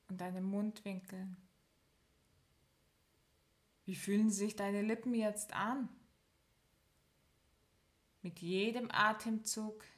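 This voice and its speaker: Very slow, calm woman guiding relaxation. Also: medium pitch. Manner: calm, instructive, counts down slowly with pauses. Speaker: relaxation guide. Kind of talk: guided progressive muscle relaxation.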